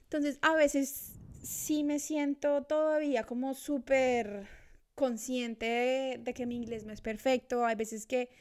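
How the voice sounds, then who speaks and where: A woman's voice: high voice, steady tone, slow pace, darkish tone, smooth. A woman in her thirties chatting casually and reflectively, with many restarts. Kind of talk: casual conversation. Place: Australia.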